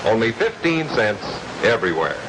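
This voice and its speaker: Give me a man pitching a product in an emphatic 1950s TV commercial, animated, with hiss from old broadcast audio. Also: moderate pace. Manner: upbeat, emphatic sales pitch. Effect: noisy 1950s TV broadcast audio. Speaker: commercial announcer. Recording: hissy old TV soundtrack.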